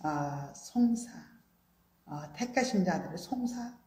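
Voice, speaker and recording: A woman's voice: fairly low pitch, animated, takes it slowly, darkish tone. A woman preaching a sermon in an emphatic way, acting out quoted lines with a rising voice. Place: church sanctuary. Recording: roomy church echo.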